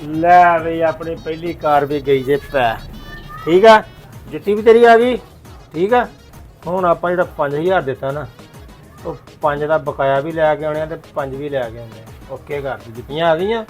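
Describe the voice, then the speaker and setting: A man's voice: on the high side, normal speed, faint music behind. A man, acting in a scripted comedy skit, insistent and bossy as he argues over money. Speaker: vlogger playing the trickster.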